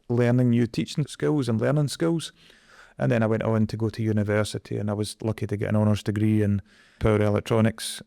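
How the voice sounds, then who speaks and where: A man's voice: on the low side, creaky, mellow, dry recording, clean studio sound. A Scottish man in his forties, a guest in an interview, talking earnestly and reflectively about his career. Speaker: guest, energy project director. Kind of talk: conversational interview.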